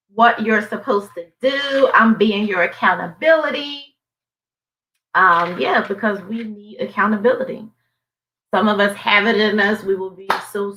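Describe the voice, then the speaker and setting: A woman's voice: medium pitch, pushed and bright, rough recording. A woman with a Southern US accent, a financial coach chatting casually on a live stream, upbeat and repeating herself for motivation. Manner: upbeat, repetitive motivational talk.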